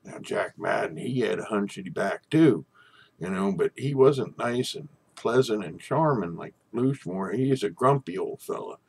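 An older man telling a traditional Irish folk tale in a lilting, conversational, folksy storyteller's manner with a husky voice. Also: lowish voice, lively intonation, normal speed, a little mellow. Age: older, about 60s or 70s.

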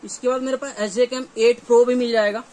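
A very high-pitched, darkish, steady voice comes from a dealer in his thirties with a North Indian accent, talking a little fast. He runs an informal, repetitive showcase of products to camera in a small, cluttered gear shop. The recording is low quality, and faint shop noise is audible.

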